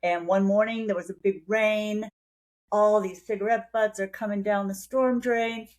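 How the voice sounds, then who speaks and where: Retired lady guest telling how her cleanup crew started, chatty, middle pitched. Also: steady tone, moderate pace, darkish tone. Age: older. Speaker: guest, beach cleanup co-founder. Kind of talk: casual podcast chat.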